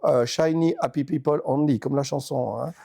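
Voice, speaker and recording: A Swiss man in an interview, talking about his network organization in quick, chatty bursts with lots of restarts. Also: mid-range voice, gravelly, mellow, breathy edge. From Switzerland. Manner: fast, talkative, many restarts and repeated words. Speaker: network organization regional leader. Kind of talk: casual interview talk.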